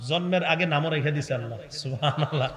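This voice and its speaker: Man preaching, high voice, long hall reverb. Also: quick pace. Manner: animated preaching with chanted Quran recitation. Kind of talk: Islamic waz sermon.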